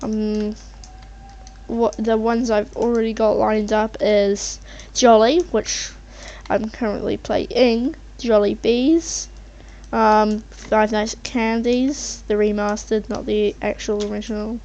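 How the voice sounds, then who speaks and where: A woman's voice: mid-range voice, fairly even intonation, slow, darkish tone. A woman casually rambling over her gameplay as a channel host, hesitant and meandering as she thinks aloud. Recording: muffled mic with faint background noise, keyboard typing.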